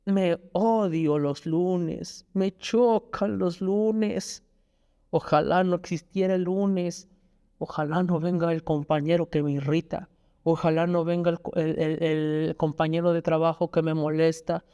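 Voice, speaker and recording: A Mexican man hosts a devotional podcast in a high, smooth, mellow voice. He talks conversationally and acts out everyday scenes as he tells his stories. The room behind him rings with a long reverb. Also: steady tone, a little slow, muffled recording. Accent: Mexican Spanish. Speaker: podcast host.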